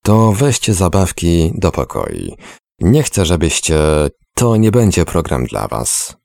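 A weary father mutters to his family in a deep, gravelly voice, as a male narrator plays him. He sounds close and dry. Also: wildly swooping pitch, slow pace, a little mellow, dry recording, full character voice.

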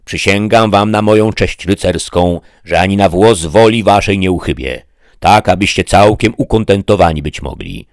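A man's voice: sits low, normal speed, dry recording, studio quality, pitched above the performer's own voice. A man voicing a pompous, deluded old knight who speaks in a grandiloquent, declamatory way. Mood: solemn lofty.

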